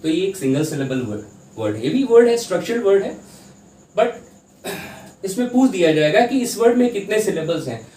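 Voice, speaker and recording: A man's voice: high voice, a little mellow. Male teacher lecturing in an echoey room. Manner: explains step by step, spells out sounds syllable by syllable. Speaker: English teacher. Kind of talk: Hindi-English mixed exam-prep lecture. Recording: roomy echo, distant mic, faint hiss.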